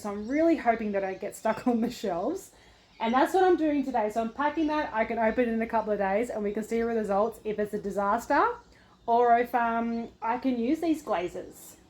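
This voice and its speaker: A woman's voice: fairly high pitch, darkish tone. Australian woman chatting casually. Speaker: potter and studio vlogger. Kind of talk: casual vlog chat.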